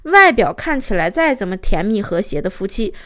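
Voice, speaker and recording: A woman's voice: medium pitch, sing-song, moderate pace, fairly bright tone. A young woman, a host's assistant, narrating relationship advice and telling a client's story, acting out quoted arguments with rising emphasis.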